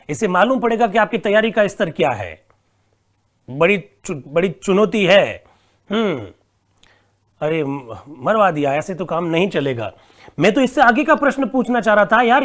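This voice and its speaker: A man teaching a live online exam-prep class, reading viewers' comments aloud and answering them, often calling his students friends and repeating key points slowly. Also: high-pitched. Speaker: exam coach.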